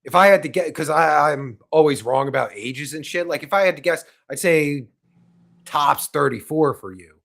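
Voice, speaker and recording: A man's voice: on the high side, normal speed, vocal fry, fairly bright tone. A man hosting a podcast, talking in a rambling, crude way with lots of fillers. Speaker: podcast host. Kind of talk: casual chat.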